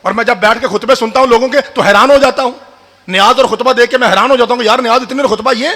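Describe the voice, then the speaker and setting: A man preaching a sermon, fiery and addressing the crowd directly, rising to shouts. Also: very high voice. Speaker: preacher at a religious gathering. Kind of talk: sermon with call-and-response. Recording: long hall reverb.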